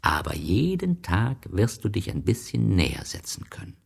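A man voicing a wise, gentle fox in an audiobook reading, explaining things patiently and with a wistful tone. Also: fairly low pitch, very animated, normal speed, vocal fry, slightly rough, voice pushed up, exaggerated voice.

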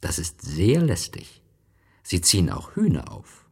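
A man's voice: deep voice, wildly swooping pitch, unhurried, gravelly, breathy edge, full character voice. A man voicing a wise, wistful fox. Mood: gentle, wistful. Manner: patient, explaining, wistful. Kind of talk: audiobook reading.

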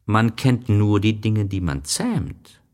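A man voicing a wise, gentle fox in an audiobook reading, explaining things patiently and with a wistful tone. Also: on the low side, expressive, slow, voice pushed up.

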